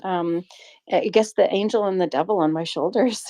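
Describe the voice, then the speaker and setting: A middle-aged Canadian woman who owns a small shop chats casually on a live audio space, telling a personal story with earnestness, reflection and plenty of laughter. She speaks at a normal speed in a fairly low voice with a dark tone.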